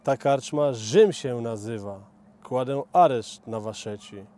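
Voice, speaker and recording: A man, a local resident, narrating a ballad in a measured, stern way. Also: medium pitch, mellow. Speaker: resident reader. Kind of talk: poetry narration.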